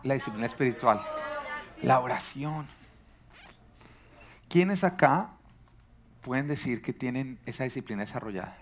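A male preacher speaking to his congregation at a middle pitch. He keeps firing questions at the room and slipping in jokes as he teaches. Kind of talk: sermon.

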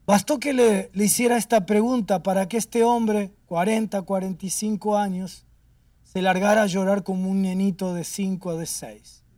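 A man preaching a storytelling sermon as a pastor, emphatic and swinging between raised and hushed delivery. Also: high-pitched, fairly even intonation, normal speed, no echo, distant mic.

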